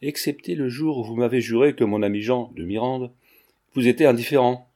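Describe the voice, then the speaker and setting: A man's voice: mid-range voice, brisk, dark tone, close to an everyday voice. A man reading the lines of a dignified aristocratic lady who answers coldly. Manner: cold and dignified.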